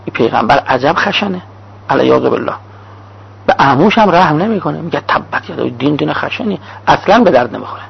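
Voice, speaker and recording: Disapproving male listener with a husky, scornful tone, put on by a male preacher. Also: a little high, animated, heavily acted. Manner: scornful exclamations. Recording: dull lo-fi recording.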